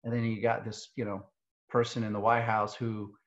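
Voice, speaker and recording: Speaking at normal speed with a fairly low, level voice, this guest on a webinar is a civic organization's CEO from Syria, in his forties. He chats informally from home, tossing in joking asides and frequently starting over, and his earbud headset gives the video call a dull, lo-fi sound.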